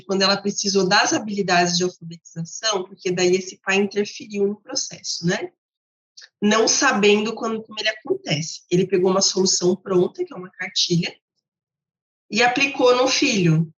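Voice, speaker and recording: A woman's voice: medium pitch, fairly bright tone. A woman with a Brazilian Portuguese accent, a literacy educator explaining ideas to teachers in a didactic way, repeating her points through contrasts. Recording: roomy, slightly dull sound.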